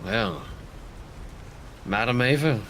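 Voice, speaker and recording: A man's voice: sing-song, takes it slowly, fairly bright tone, low-quality recording. A man playing a tabletop role-playing game, speaking partly in character. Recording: clear rumbling background noise.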